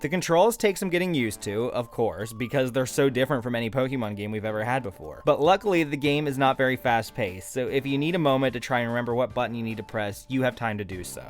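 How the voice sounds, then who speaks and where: A man with a campy drag queen delivery, narrating a video game review in a scripted but casual way. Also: mid-range voice. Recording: background music under the voice.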